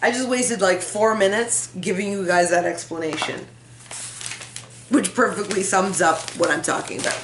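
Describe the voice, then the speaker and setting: A woman's voice: mid-range voice, normal speed, a little hiss or hum. A woman chatting casually to her camera at home, rambling, self-deprecating and laughing often. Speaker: vlogger. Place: room at home. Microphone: built-in camera mic. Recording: echoey room.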